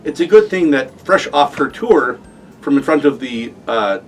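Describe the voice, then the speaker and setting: A man's voice: mid-range voice, lively intonation, moderate pace, distant mic, soft background music. Man improvising a tale, slightly off-mic. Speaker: game player. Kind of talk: casual improvised game storytelling.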